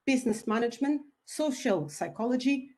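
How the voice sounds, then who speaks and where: A woman's voice: fairly high pitch, lively intonation, brisk, darkish tone. A woman from Portugal giving a webinar presentation over a video call, polite and a little hesitant, with some fillers. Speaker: webinar speaker, company founder.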